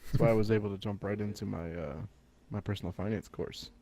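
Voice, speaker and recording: A man's voice: on the low side, steady tone, fast, dark tone. A young man co-hosting a casual podcast chat, dropping dry teasing quips. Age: young adult. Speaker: podcast co-host.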